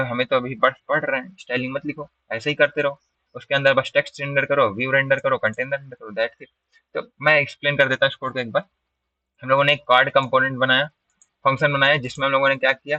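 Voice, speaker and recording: A man's voice: mid-range voice, bright, forceful tone, no room sound. A man giving a step-by-step programming lecture over a screen recording, often checking in with the viewer. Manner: explains step by step, often asks "ठीक है?". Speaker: programming instructor. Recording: dull, slightly distant dry mic.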